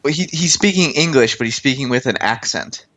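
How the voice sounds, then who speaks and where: Bright-voiced male game master. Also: medium pitch, a little fast. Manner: relaxed, loose, frequent fillers. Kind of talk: narrating a tabletop game on a stream.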